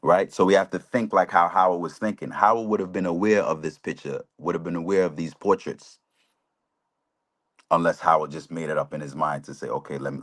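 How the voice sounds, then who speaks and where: Deep-voiced man in his forties lecturing. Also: a bit bright. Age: 40s. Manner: earnest, lecturing, asks listeners "right?" often. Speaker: guest speaker, chaplain. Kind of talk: live talk show history explanation.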